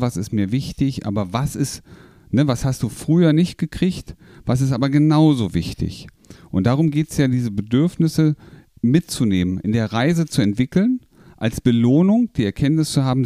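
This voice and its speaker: A man's voice: mid-range voice, warm tone, no echo, clean studio sound. A man coaching a listener, explaining with examples, rhetorical questions and frequent tag questions. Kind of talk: coaching talk in a podcast.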